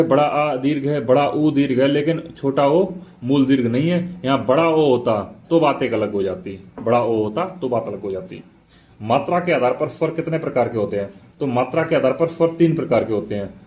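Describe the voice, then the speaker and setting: A man's voice: medium pitch, mellow. Male teacher, mid-range voice, runs a quiz-style exam prep lecture and drills each answer twice. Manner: asks the class questions then answers them himself, repeats key points.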